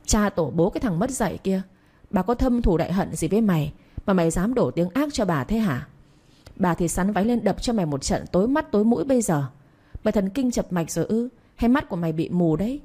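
Woman doing an old servant woman, sharp-tongued. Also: lively intonation, a little fast, breathy edge. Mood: abusive. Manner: scolding shrill abuse, then pleading. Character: old female servant, cornered and defiant.

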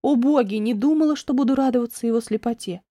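A woman narrating an audiobook in the first person, reading in an expressive, emotional way. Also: on the high side, quick pace, dry recording, clean studio sound.

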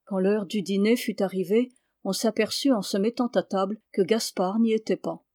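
Calm woman reading a classic novel. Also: mid-range voice, moderate pace, no echo, clean studio sound. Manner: calm, names each speaker before lines. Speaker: reader.

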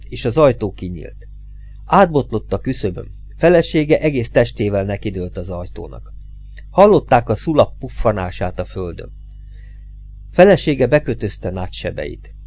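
A man's voice: mid-range voice, a little mellow. Man narrating a tense audiobook. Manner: tense, dramatic reading with rising emphasis. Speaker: audiobook reader.

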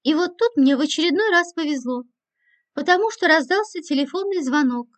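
A woman's voice: sits high, lively intonation, brisk. A woman reading a first-person audiobook with a dry, ironic manner. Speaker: audiobook narrator.

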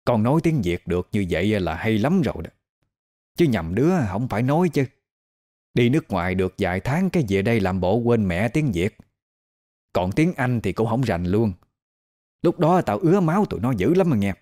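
A man's voice: on the low side, sing-song, normal speed, darkish tone. A man voicing a nosy, bossy older woman who scolds and lectures. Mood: bossy chatty. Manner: scolding, chatty.

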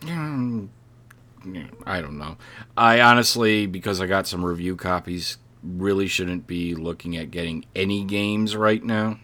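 A man's voice: low voice, unhurried. A man hosting a podcast, chatting casually and joking with his co-host. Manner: bright, jokey, theatrical intros.

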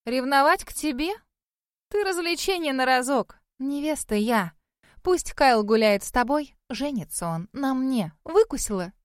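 A woman's voice: animated, a little slow, dry recording, clean studio sound. A woman voicing a furious, spoiled young female student who snaps with contempt. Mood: angry, scornful. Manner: shrill, snapping, contemptuous.

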